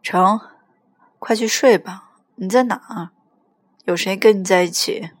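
A woman voicing a teenage girl on a late phone call, brisk and impatient. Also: mid-range voice, no echo, lightly acted.

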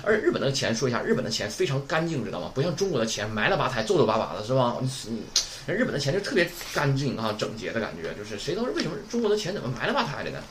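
A man's voice: medium pitch, big pitch swings, rapid-fire, hardly any pauses, a bit bright, a little hiss or hum. A man, teaching an online class. He is chatty and keeps asking the class "right?". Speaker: Japanese teacher.

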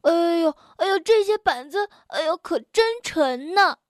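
A woman voicing a young male frog who is impulsive and stubborn, with high, excitable squeals and groans. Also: unhurried, no room sound, clean studio sound. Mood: excited.

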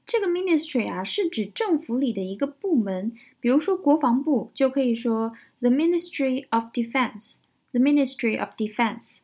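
A woman's voice: sits high, animated, moderate pace, darkish tone, husky. A woman teaching English vocabulary, explaining words step by step, building example sentences and often checking in with "right?". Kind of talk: vocabulary lesson.

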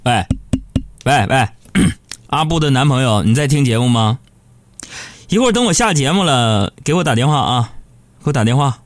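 A man's voice: medium pitch, animated, normal speed, pauses often, no echo. A man hosting a live comedic radio show, chatting and teasing his listeners.

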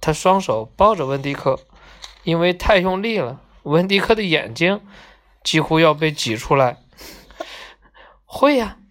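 A woman reading a children's storybook aloud, gently voicing each character in turn. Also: low-pitched, expressive. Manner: slow, gentle, acts out each character's lines.

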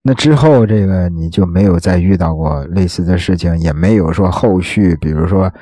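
A man's voice: deep voice, normal speed, dark tone, no room sound. A man hosting a call-in show, giving brief replies and asking probing follow-up questions. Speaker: host. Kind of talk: call-in interview.

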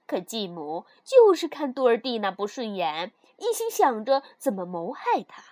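A woman storyteller reading a fairy tale aloud in expressive, scripted narration. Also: fairly high pitch, moderate pace, no echo.

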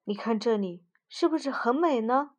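A woman voicing a bossy, impatient male mouse adventurer in a storybook, speaking sternly and loudly. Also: on the high side, animated, moderate pace.

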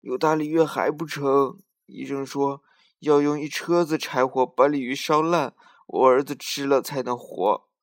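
A man's voice: medium pitch, fairly even intonation, measured pace, close to an everyday voice. A grieving old grandmother pleads in a storybook tale. A man voices her with a plaintive, pleading tone. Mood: sorrowful. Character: weeping, worried old grandmother. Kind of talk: children's storytelling.

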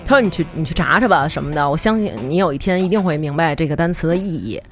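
A woman, co-hosting a comedy talk show, telling stories in a chatty, animated way and laughing as she goes. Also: low voice, fast, faint music behind. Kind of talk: casual comedic storytelling.

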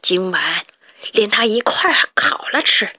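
A sneering rat gang leader, played by a woman storyteller, gloats with slow, menacing words. The sound is dry and close, like a bedtime storybook reading. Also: medium pitch, lively intonation, sharp tone, slightly rough, no room sound, heavily acted. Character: sneering villainous male rat boss.

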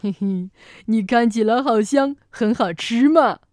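T-rex voiced by a woman: gruff, loud, big-hearted dino, slow and dramatic, dry close sound. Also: on the high side, no echo, lightly acted. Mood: greedy. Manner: loud gruff growling delivery. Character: big hungry male tyrannosaurus, gruff yet soft-hearted. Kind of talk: storytelling performance.

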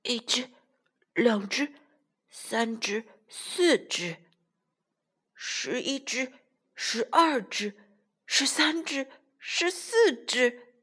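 Lady doing a sneaky whispery storybook wolf, greedy, high and breathy. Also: very animated, takes it slowly, long pauses, heavily acted. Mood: sneaky whisper. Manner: hushed, whispery counting. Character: greedy forgetful male big grey wolf.

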